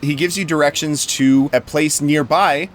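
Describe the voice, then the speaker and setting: A young man narrating as game master with a relaxed, wry manner. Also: on the high side, moderate pace, slight background noise. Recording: faint music behind.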